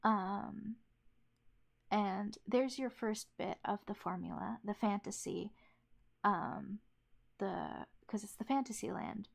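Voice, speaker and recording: Halting, creaky-voiced woman rambling commentary. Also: medium pitch. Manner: halting, filler-heavy rambling with self-corrections. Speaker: anime reviewer. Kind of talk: casual unscripted commentary.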